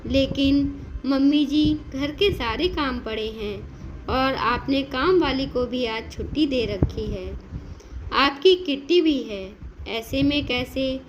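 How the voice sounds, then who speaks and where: A woman's voice: sits high, slow, muffled recording, a little hiss or hum. A woman voicing a shy, eager young new bride who speaks politely and earnestly in a storybook tale.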